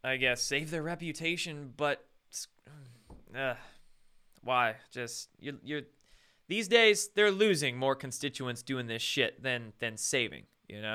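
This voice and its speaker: A man's voice: medium pitch, lively intonation, a little slow, pushed and bright, clear, resonant tone. A male host doing live-stream commentary, ranting with sarcasm and frequent swearing.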